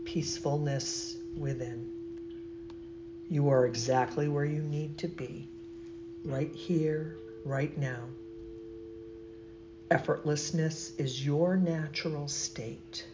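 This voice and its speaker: Yoga nidra teacher, guided meditation, gentle delivery, long pauses, very unhurried pace, clearly noisy humming background. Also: medium pitch. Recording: muffled, noisy recording with steady humming tone.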